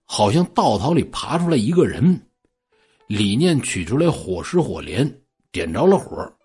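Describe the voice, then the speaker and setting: A man narrates a spooky tale in a lively, colloquial storyteller style. His voice is husky, and his pitch rises and falls animatedly. Soft music plays faintly underneath. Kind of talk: oral ghost-story telling.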